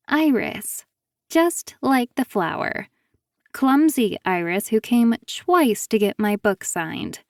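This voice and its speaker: A woman's voice: high-pitched, darkish tone, no echo, studio quality, voice pushed up, full character voice. A woman doing a sly, sugary-sweet menacing author. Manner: falsely sweet, taunting.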